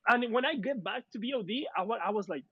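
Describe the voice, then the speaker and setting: Young man, halting English, high voice, dull dry lo-fi mic. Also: animated, husky, no room sound. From Latin America. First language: Spanish. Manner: halting, searching for English words. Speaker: esports player guest. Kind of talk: casual interview chat.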